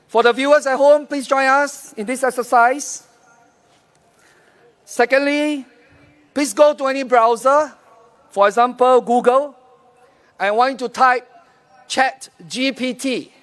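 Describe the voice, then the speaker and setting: High-pitched Singaporean man giving a rally speech. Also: fairly even intonation, slow, pauses often, a bit bright, smooth. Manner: addresses crowd directly with questions and instructions. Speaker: election candidate. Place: outdoor rally field, over a PA.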